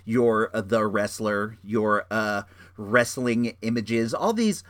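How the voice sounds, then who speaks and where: A man's voice: on the low side, slow, a bit bright, dry recording. Enthusiastic man chatting casually, dry sound. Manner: enthusiastic, slangy, repeats phrases. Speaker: show host. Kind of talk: casual chat, rambling reviews.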